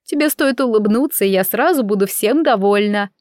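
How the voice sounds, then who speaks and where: Audiobook: a woman voicing an older aunt, fussy professor, slow and trembly, dry close sound. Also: mid-range voice, lively intonation, darkish tone, no echo, lightly acted. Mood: tearful.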